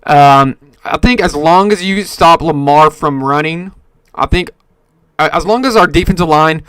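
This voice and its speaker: At a measured pace, a man with a high-leaning, slightly bright voice hosts a casual solo sports-talk podcast, recorded clean with no room sound. He has the hiccups and rambles, filling gaps with fillers and correcting himself often.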